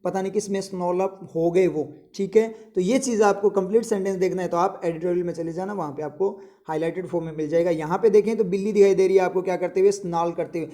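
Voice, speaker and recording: Guy teaching vocab, high but mellow voice, chatty, keeps quizzing you. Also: steady tone. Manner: chatty, quizzes viewers, repeats words slowly to explain. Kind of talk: casual spoken lesson.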